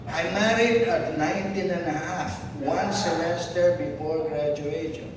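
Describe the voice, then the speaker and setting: An older Filipino man in his seventies talks slowly and reflectively, offering fatherly advice to former students. His voice sits slightly high. He is heard from a distance in a large, echoing hall, with noticeable background noise and rumble. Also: fairly even intonation. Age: 70s. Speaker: former teacher at a class reunion. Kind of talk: heartfelt speech to former students. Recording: echoey hall from far off, noisy.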